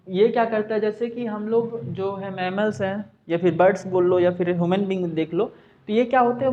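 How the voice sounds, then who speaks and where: A man with a high-pitched, slightly mellow voice and a Hindi accent teaches a science class, posing questions and answering them himself while mixing in English terms. The recording has its highs cut off.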